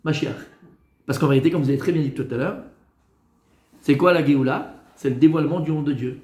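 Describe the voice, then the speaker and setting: A man, a rabbi, teaching a class in lively style, often asking questions and answering them himself. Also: a little high, a little fast. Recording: echoey room.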